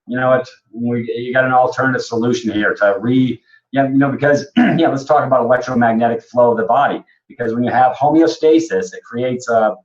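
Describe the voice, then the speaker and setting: A man's voice: medium pitch, brisk. A man hosting a casual talk show who speaks hesitantly, with many ums and uhs. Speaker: host. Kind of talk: casual chat. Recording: dull lo-fi sound.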